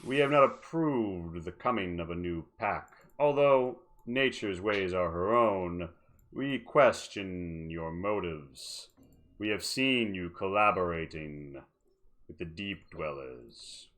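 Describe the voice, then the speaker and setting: Man playing a pompous, slow-spoken old woodland elder. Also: deep voice, fairly bright tone. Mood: stern, suspicious. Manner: formal, pompous, accusatory. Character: haughty, suspicious old bearded male guardian of the woods. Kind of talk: tabletop role-play in character.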